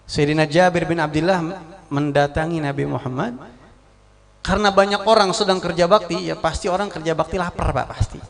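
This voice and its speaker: Gravelly-voiced man preaching a story sermon. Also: fairly high pitch, fairly quick. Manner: lively storyteller, asks the audience questions, quotes Arabic then explains. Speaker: Islamic preacher.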